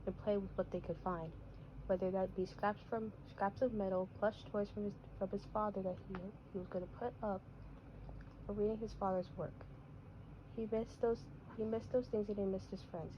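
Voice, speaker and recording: A woman's voice: mid-range voice, steady tone, normal speed, slight background noise. A woman reading her own story aloud, stumbling and restarting phrases often. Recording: dull lo-fi recording.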